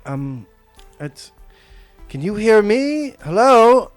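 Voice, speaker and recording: A man voicing a confused man trapped in the dark who shouts out loudly in a raised voice. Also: animated, moderate pace, dry recording, soft background music, natural voice. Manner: loud, high, shouting. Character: dazed man stuck in the dark, calling out.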